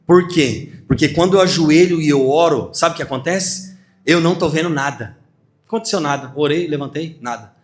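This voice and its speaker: A pastor preaches a sermon in a fairly high, brisk voice. His delivery is lively, acting out voices in dialogue and laughing as he teaches.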